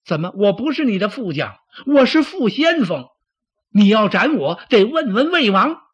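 A man voicing an indignant male general who defends himself in a husky, shrill voice. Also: wildly swooping pitch, moderate pace, exaggerated voice. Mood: protesting. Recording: dull lo-fi recording.

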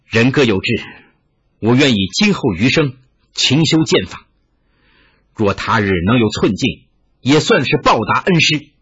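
一位男子演绎一位温和而坚定的年轻剑客，嗓音沙哑，语气低沉恳切，录音音质发闷。. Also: male voice, sing-song, measured pace, long pauses, husky, lo-fi sound, exaggerated voice. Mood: humble. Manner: low, soft, earnest pleading. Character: earnest young male swordsman, gentle and resolute.

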